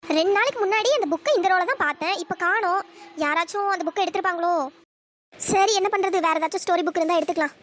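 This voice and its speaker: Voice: very high voice, fast, a bit bright, dry recording. A performer voicing an irritable young college woman in a cartoon story, scolding and exasperated. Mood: grumbling.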